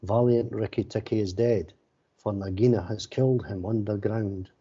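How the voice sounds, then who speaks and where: A mournful little storybook songbird read by a man, proclaiming doom in a slightly husky voice. The recording is a touch dull. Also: on the low side, steady tone, moderate pace, mellow.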